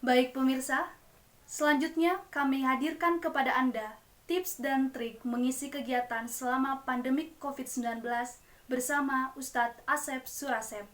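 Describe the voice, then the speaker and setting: A woman's voice: high-pitched, fairly even intonation, moderate pace, a bit bright. A woman playing a parody TV news anchor, reading a scripted bulletin in a formal, presentational manner. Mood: formal, serious.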